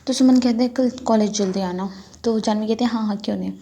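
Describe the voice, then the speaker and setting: A woman telling a story in a quick, chatty way, stringing events together loosely. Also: on the high side, mellow, dull audio. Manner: quick, chatty retelling with frequent "to" connectors. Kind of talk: casual spoken storytelling.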